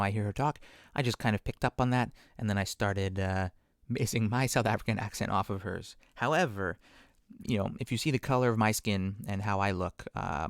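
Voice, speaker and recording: On a podcast, a man with a lowish, vocal-fry voice delivers a loose, rambling monologue that's self-deprecating and packed with fillers and conversational asides. The sound is clean studio audio with no room sound.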